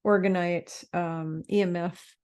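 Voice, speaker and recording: A woman's voice: lowish voice, fairly even intonation, slow pace, a little mellow, clear, resonant tone. A woman talking casually to camera in a rambling, chatty way, with fillers and restarts. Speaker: spiritual vlogger.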